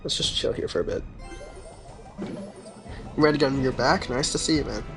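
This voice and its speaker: A man with a mid-range voice and moderate pace casually comments on his own gameplay during a live stream, laid-back and mumbling asides as he reacts to chat, with game music in the background.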